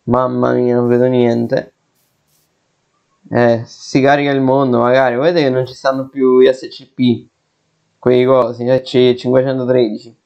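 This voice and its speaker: A man's voice: medium pitch, flat delivery, unhurried, vocal fry, darkish tone. A young man giving let's play commentary, jittery and often exclaiming and swearing in fright. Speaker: gaming video creator. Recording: dull lo-fi sound.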